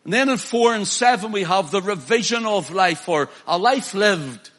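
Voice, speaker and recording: A male preacher, delivering a sermon, swinging from loud emphatic declaiming to quiet pleading. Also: high voice, lively intonation, normal speed.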